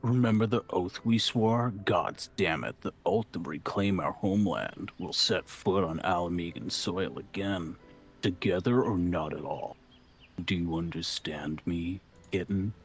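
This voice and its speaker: A man's voice: deep voice, measured pace, faint music behind. A man voicing a stern but protective resistance captain in a fantasy game, solemn and commanding. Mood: fierce, commanding. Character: gruff, deep-voiced adult male resistance captain, stern but protective. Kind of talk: hammy fantasy game voice-over.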